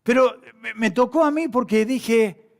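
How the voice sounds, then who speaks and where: A man preaching a sermon in a church. He pleads passionately, slows down hard on key phrases, and retells stories with quoted dialogue. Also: very high-pitched. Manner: impassioned, pleading, slows for emphasis.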